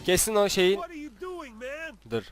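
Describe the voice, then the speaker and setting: An excitable young man chats his way through a video game, joking and teasing the characters as he plays. His pitch swings widely, and his voice sits a little high for a man. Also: takes it slowly, over music. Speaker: gaming YouTuber. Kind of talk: casual Let's Play commentary.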